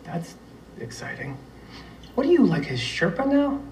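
Cocky mocking bro in a tv drama scene, heard kinda far off in a roomy space, faint ambience behind. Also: male voice, high-pitched, huge pitch swings, darkish tone, a little hiss or hum, full character voice. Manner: mocking, crude, fast needling. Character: brash cocky man taunting a cornered friend. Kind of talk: TV drama dialogue.

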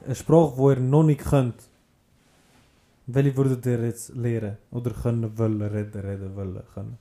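A young man cohosting a casual podcast, his voice very dark and mellow. He talks in slangy, animated bursts while he tells stories. His pitch sits in an ordinary middle range. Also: moderate pace. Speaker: podcast co-host. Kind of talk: casual chat.

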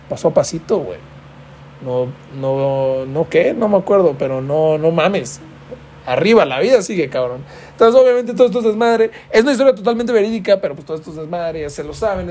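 A man's voice: high voice, mellow. A young man of about twenty with a Mexican accent, hosting a podcast and telling a comic story in a slangy, profane way. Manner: slangy and profane, peppers every line with güey. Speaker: podcast host.

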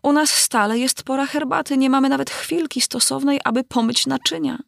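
A woman's voice: sits high, a little fast, gravelly, dry recording, studio quality, pitched above the performer's own voice. A woman voicing a whimsical, rambling male hatter at a tea party in a storybook reading. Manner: rambling, sing-song.

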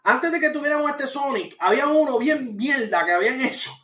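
A man's voice: extremely high pitch, fairly quick. A man hosting a live-stream podcast, ranting and joking in slangy casual talk. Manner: joking, animated, slangy rants. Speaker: podcast host reading live chat. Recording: echoey room.

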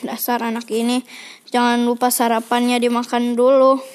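A woman's voice: on the high side, level tone, normal speed, lightly acted. A young girl voicing a mother who nags her daughter awake, in a scolding manner.

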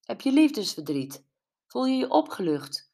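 A woman voicing Jules, a caring friend who probes gently and a bit knowingly, in an audiobook. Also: fairly high pitch, big pitch swings, moderate pace, vocal fry, voice pushed up, full character voice. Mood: probing. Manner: gentle but probing, a little know-it-all. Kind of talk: audiobook character voice.

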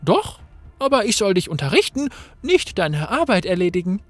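A man's voice: high-pitched, sing-song, moderate pace, faint music behind. A man reading as a boisterous ancient warrior woman. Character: exuberant ancient warrior woman who loves battle.

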